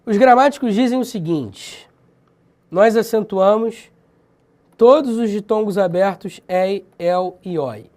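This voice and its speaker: A man with a Brazilian accent teaching grammar in a video lesson, lively and slangy, drilling example words with emphasis. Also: high-pitched, slow pace. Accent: Brazilian Portuguese.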